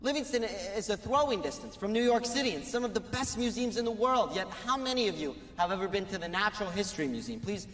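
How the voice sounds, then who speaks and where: A man's voice: sits high, animated, fast, few pauses. An actor playing a stiff, formal young male student candidate who speaks earnestly and precisely in a film. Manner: formal, earnest, precise, builds to shouting in speech. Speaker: student candidate for school board. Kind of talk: film dialogue, campaign speech and debate prep. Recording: reverberant hall, faint noise.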